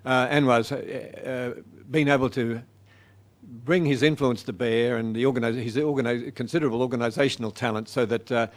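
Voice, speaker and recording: A man answering audience questions after a lecture. He speaks in a halting, thoughtful way, pausing often and restarting his sentences. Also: mid-range voice, steady tone. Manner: hesitant, many fillers and restarts. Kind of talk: public talk Q&A.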